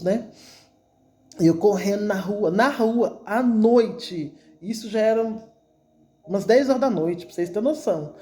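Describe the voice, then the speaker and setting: A church member with a Brazilian Portuguese accent gives a religious testimony to her congregation, telling her story with emotion and repeating words often. Her voice is medium in pitch and mellow.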